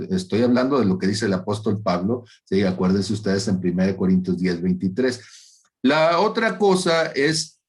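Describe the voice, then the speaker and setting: A man teaching a Bible study class, explaining verses step by step and often checking in with his listeners. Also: fairly high pitch. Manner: deliberate, asks "¿sí?" to check listeners. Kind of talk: unscripted Bible class lecture.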